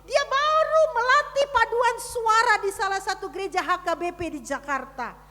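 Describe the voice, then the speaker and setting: A woman preacher tells a story to her congregation, talking to them directly and swinging from hushed to loud. Her voice is very high and sharply bright. It rings out with the long reverb of a church hall. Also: moderate pace. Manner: dramatic storytelling with big swings in loudness. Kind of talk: sermon. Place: church service.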